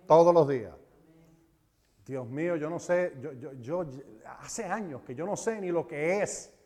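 A man preaching a sermon, animated and emphatic, repeating phrases for stress. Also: sits high. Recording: reverberant hall.

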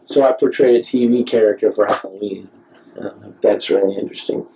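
A man's voice: on the low side, fairly even intonation, fairly quick, gravelly, lo-fi sound, a little hiss or hum. A young man rambling wryly into a dictaphone late at night, recorded on a handheld tape recorder. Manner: rambling, digressive, wry. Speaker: audio diarist.

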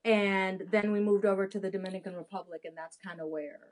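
In this clip the woman, a thirtyish adoption consultant born in Haiti, talks briskly at a medium pitch with fairly even intonation. She's a candid guest in a casual interview, and she restarts often.

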